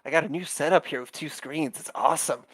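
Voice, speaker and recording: A man's voice: fairly high pitch, fast, a bit bright, slightly rough, no room sound. A man casting a live video game match from his home setup, upbeat and chatty, often laughing. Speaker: esports caster. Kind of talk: casual live game commentary.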